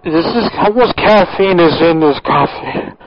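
A man's voice: on the high side, a little slow, no room sound, natural voice. A man putting on a jittery rambling veteran on the phone. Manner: rambling, tacks "man" onto sentences. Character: wired rambling middle-aged man, claims to be a war veteran. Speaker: prank caller. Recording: muffled radio phone call.

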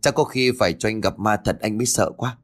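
A man's voice: fairly low pitch, fast, lightly acted. A man playing a younger cousin who teases an older one. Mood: teasing. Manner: teasing. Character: teasing younger male cousin, cheerful.

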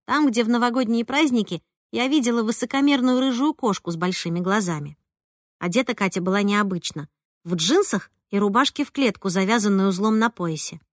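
A woman narrating a first-person audiobook in a lively, expressive reading voice. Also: mid-range voice, brisk, dry recording, clean studio sound.

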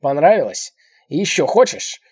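A man reading an audiobook, voicing a cruel, domineering old man who shouts his orders. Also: medium pitch, big pitch swings, moderate pace, husky, no room sound. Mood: raging. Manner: shouting, bullying.

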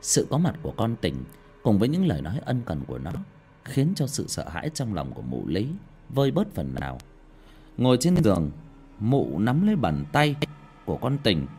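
A man narrating a scripted horror story in a dramatic, expressive manner. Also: lowish voice.

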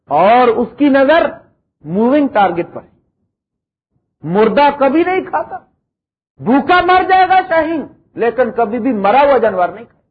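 High-voiced husky preacher guy, middle-aged, goes loud then quiet, sounds like an old phone-line tape. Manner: dramatic, swings from high emphatic lines to low quiet ones; recites verse lines slowly. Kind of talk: Urdu religious lecture. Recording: tinny phone-like lecture recording.

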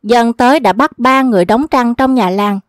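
A woman's voice: on the high side, moderate pace, no room sound, clean studio sound, close to an everyday voice. A woman voicing a mischievous old male village trickster who loves telling tall tales, in a sly, teasing manner.

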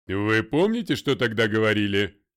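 Brief: man voicing a booming, commanding older lawyer, deliberate, smooth and resonant tone. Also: very animated. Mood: stern. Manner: loud, commanding, slow and deliberate. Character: stern, domineering older male lawyer, a father. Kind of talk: audiobook character voice.

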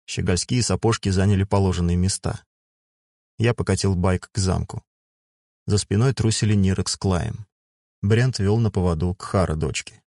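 A man reads a first-person fantasy audiobook in a measured, even manner. His voice sits low. The recording is dry and close, with no room sound. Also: dry recording. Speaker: audiobook narrator.

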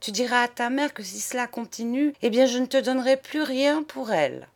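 A woman's voice: mid-range voice, lively intonation, slow pace. A woman doing a lovesick middle-aged cook. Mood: plaintive. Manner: plaintive, pleading. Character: doting woman cook in her forties, lovesick.

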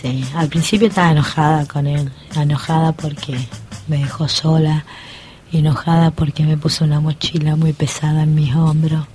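A lower-pitched woman with a Rioplatense Argentine accent speaks as a radio guest, nervously chatty and given to quick laughs. She tells personal memories in an emotional, storytelling way and acts out the voices of the people she remembers. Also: faint music behind. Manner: talkative, quotes others in lively voices, nervous laughs. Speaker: radio guest, mother of a missing youth. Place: radio studio.

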